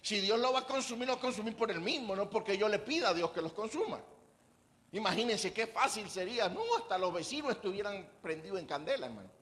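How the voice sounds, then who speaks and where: High-voiced man preaching a sermon. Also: lively intonation, fast talker, fairly bright tone. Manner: preaches conversationally, asks the congregation questions, acts out quoted voices. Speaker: pastor. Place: church.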